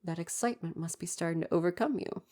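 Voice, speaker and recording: In an ASMR roleplay, a man plays a devoted, proper royal butler who addresses the listener formally, deferentially, and with fussy attentiveness, in an attentive, gently teasing mood. His natural voice is on the high side and dark in tone, and he talks fast.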